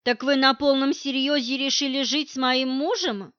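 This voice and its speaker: A cold, scornful middle-aged wife, read by a woman in an audiobook, curt and dismissive, her voice pitched a bit high. The recording is dry and a little dull, like a lo-fi studio reading. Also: steady tone, moderate pace, a bit bright, no echo.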